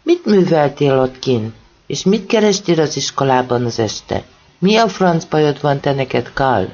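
A man voicing a drunk, furious middle-aged mother who scolds and shouts at her son. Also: on the high side, animated, highs cut off. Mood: angry scolding.

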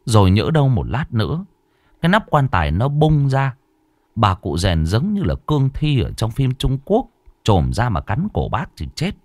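A man's voice: mid-range voice, huge pitch swings, moderate pace, dry recording. A man narrating a horror story in a dramatic, suspenseful way.

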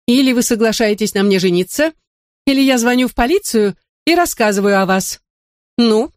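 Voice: mid-range voice, expressive, normal speed, no room sound, studio quality, pitched above the performer's own voice, close to an everyday voice. A narrator voicing a haughty, scheming young woman who is secretly a witch, proud and demanding, in a read-aloud storybook. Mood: threatening. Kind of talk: audiobook character voice.

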